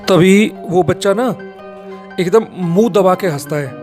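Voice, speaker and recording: Man with a high voice, casual horror storyteller who rambles and self-corrects, faint music under him. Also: a little slow, a little mellow.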